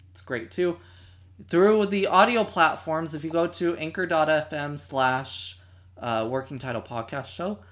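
A man hosting a podcast and wrapping up the episode in a relaxed, chatty way with lots of fillers and laughs. He says he is losing his voice. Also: fairly high pitch. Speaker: podcast host. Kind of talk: casual podcast chat and outro.

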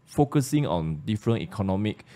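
Malaysian guy hosting a podcast, real low voice, keeps restarting words as he thinks. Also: very animated, fairly quick, warm tone. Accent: Malaysian English. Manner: thoughtful, repeats words as he thinks aloud. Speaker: podcast host. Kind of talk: casual discussion.

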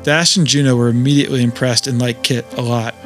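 A man narrating a children's adventure story in a steady, scripted way. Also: medium pitch, fast talker. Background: music.

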